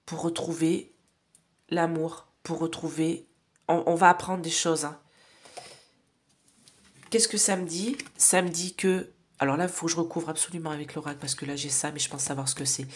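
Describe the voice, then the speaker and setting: Low-voiced nasal woman reading cards. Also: fairly even intonation, moderate pace. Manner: rambling, many fillers and tag questions, drops to whispers while drawing cards. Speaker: psychic card reader. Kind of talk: casual oracle card reading to viewers.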